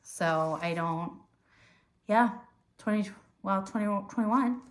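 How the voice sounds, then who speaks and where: A woman's voice: mid-range voice, slow, a little hiss or hum. Woman podcaster chatting casually, lots of ums, kinda echoey room. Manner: chatty, rambling with many fillers and restarts. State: hiccuping. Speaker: podcast host. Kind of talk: casual chat. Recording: roomy echo.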